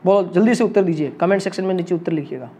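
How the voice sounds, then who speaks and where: A young man teaches exam grammar in a lively, coaxing way. His voice sits noticeably high, and he keeps asking his viewers for answers. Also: rapid-fire. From India. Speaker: Hindi exam coaching teacher. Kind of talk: solving test questions for viewers.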